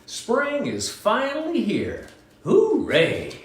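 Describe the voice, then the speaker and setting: A cheerful little mouse squeaks along in a high storybook voice, as a man puts it on. It chirps with eager excitement. The room behind it echoes. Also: measured pace, distant mic, exaggerated voice. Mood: cheery. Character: cheerful small mouse and bird friends.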